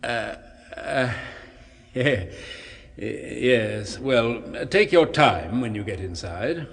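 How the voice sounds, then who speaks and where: In a 1970s radio drama, a man plays an apprehensive doctor, a clinical yet solicitous experimenter who explains things soothingly and clinically, with some hesitation. His gravelly, exaggerated voice sits at medium pitch with lively intonation and drawn-out words, trailed by a long reverb tail.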